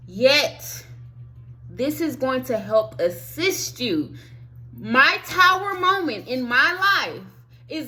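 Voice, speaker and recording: An earnest woman speaks slowly and directly to her listeners as a spiritual life coach, her voice sitting a little high with a bright, forceful edge. She is encouraging and heartfelt, sometimes sinking to a soft near whisper. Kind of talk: motivational monologue.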